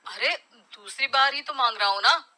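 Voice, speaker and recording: A woman's voice: sits high, normal speed, pushed and bright, rough recording. A woman voicing a grown husband and father who grumbles and makes demands. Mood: grumbling.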